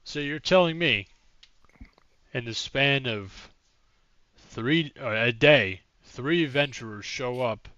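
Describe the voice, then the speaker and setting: A man's voice: mid-range voice, takes it slowly, pauses often, sharp tone, no room sound, lo-fi sound, pitched above the performer's own voice. A man voicing a wary older male town mayor who questions strangers suspiciously. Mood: incredulous.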